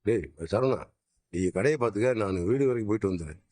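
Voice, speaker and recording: A man's voice: fairly low pitch, lively intonation, fast, warm tone. An actor playing a middle-aged father in a TV serial, firm and reassuring toward his worried family.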